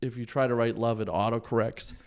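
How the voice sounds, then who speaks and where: A man's voice: medium pitch, steady tone, brisk. A man doing a stand-up set, telling rambling stories full of restarts and his own laughter, to a nearly empty room. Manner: rambling, self-interrupting storytelling with laughs. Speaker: stand-up comedian.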